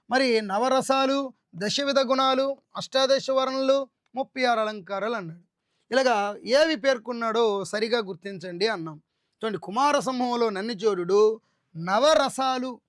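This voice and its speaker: High-voiced male Telugu exam tutor. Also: fairly bright tone, no echo, studio quality. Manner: lists terms slowly and repeats answers; addresses students directly, checking options. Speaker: Telugu literature teacher. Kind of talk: exam-prep lecture.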